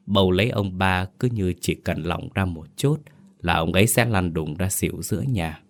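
A man telling a ghost story in steady, suspenseful scripted narration. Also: low voice. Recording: faint music underneath.

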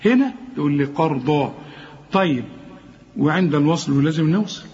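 Egyptian man teaching Quran recitation. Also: fairly high pitch. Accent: Egyptian Arabic. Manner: lively teacher, chants verses slowly, asks and answers himself. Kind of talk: tajweed lesson. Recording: dull lo-fi recording.

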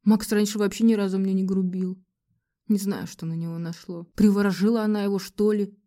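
A woman's voice: medium pitch, steady tone, a little fast, mellow, natural voice. A woman voicing a young man, a blunt, caring friend who retells gossip in casual slang, read for an audiobook. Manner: chatty, loose spoken retelling. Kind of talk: audiobook reading.

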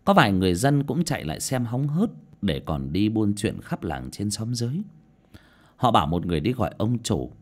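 Guy reading a ghost story out loud, low voice, really lively up and down. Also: a little fast. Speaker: audiobook narrator.

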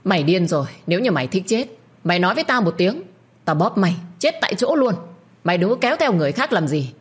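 A woman voicing a violent older lord in an audio story, hissing and ranting loud threats. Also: fairly low pitch, very animated, fast talker, breathy edge, full character voice. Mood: enraged. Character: older male lord, violent, enraged, ruthless.

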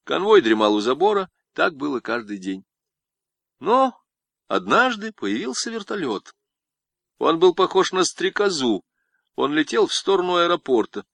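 Man, audiobook narration, lively intonation, dry close sound. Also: fairly high pitch, normal speed, creaky, no echo. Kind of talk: literary narration.

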